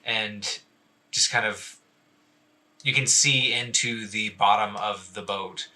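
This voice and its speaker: A man's voice: lowish voice, steady tone, slow pace, sharp tone. A man narrating as dungeon master, rambling loosely with many fillers. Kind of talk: narrating a tabletop game.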